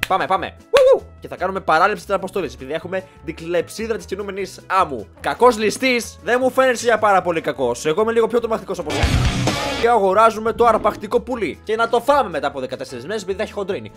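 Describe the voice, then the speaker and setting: Young guy yelling and joking over a mobile game, pretty high voice, game music behind. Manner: excitable, jokey, shouts during fights. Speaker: gaming YouTuber. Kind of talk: gameplay commentary.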